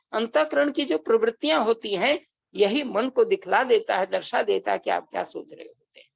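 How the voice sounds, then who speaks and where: Gravelly-voiced guy doing a religious talk, dry close sound, chants sanskrit verses in between. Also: very high-pitched, a bit bright, dry recording, low-quality recording. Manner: storytelling, earnest and devotional. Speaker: Vedic scholar giving a talk. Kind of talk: religious discourse.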